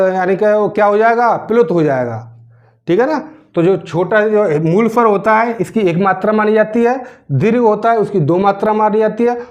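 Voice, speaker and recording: A male teacher giving a grammar lesson, asking questions and answering them himself, often checking in with his students. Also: high voice. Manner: keeps checking in with "theek hai na". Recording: dull lo-fi recording.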